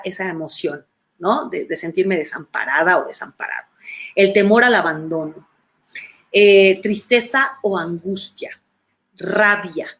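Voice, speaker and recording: A middle-aged woman with a Mexican accent giving an animated, conversational talk on emotions, often restarting her phrases. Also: medium pitch. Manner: animated, acts out quoted voices, frequent restarts. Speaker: speaker on emotions.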